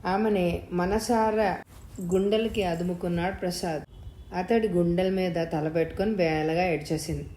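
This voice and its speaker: A woman narrating a novel episode in a calm, even storytelling manner. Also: on the low side, moderate pace. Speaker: audiobook narrator. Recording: roomy echo.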